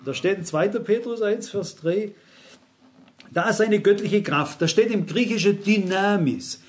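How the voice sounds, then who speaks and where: Man, middle-aged, high-pitched, preaching a sermon, frank, emphatic, addresses listeners directly. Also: unhurried.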